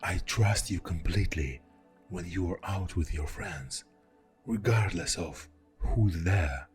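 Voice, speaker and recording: Music runs beneath a man's ASMR performance as a defensive, fed-up boyfriend arguing with his jealous partner. Slow and full of pauses and heavy sighs, his voice is deep, soft, and breathy.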